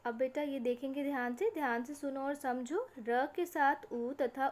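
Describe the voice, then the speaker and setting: A woman teacher speaking to small children in an unhurried, careful voice. She sits a little higher than most women and stretches out each word so young learners can follow. She asks simple questions and answers them herself. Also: steady tone. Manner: slow, drawn-out word-by-word reading for children. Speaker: school teacher. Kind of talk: online class lesson for young children.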